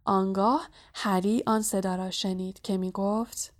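A woman narrating an audiobook in a measured, even storytelling voice. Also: medium pitch.

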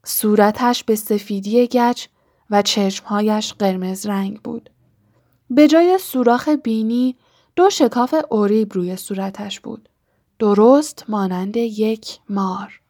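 A woman's voice: mid-range voice, warm tone, no room sound, clean studio sound. A woman narrating an audiobook with dramatic, suspenseful delivery. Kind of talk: audiobook reading.

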